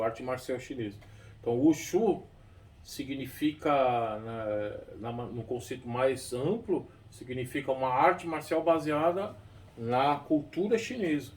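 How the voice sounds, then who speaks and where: A man's voice: medium pitch, a little mellow. A man with a Brazilian Portuguese accent, a kung fu teacher explaining at length, rambling and often adding tag questions and restarting. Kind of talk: explanatory talk. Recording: distant mic with faint background noise.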